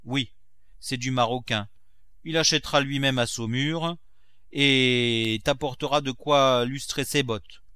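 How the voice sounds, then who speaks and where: Male reader as an old miser, curt and commanding, bright voice. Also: medium pitch, fairly even intonation, slow, clean tone, dry recording. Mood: lecturing. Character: old miserly cooper, stingy master of the house.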